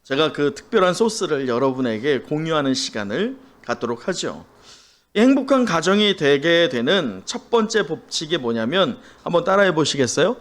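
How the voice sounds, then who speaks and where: Lively high-voiced male pastor preaching. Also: normal speed. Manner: asks the congregation questions and has them repeat phrases; animated storytelling delivery. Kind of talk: sermon.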